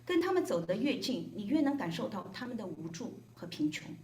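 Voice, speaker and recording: A Shanghai woman volunteers to read a prepared, reflective speech at a gathering in a hotel event room. Her mid-range voice is very animated, fairly quick and a little mellow, and the room echoes.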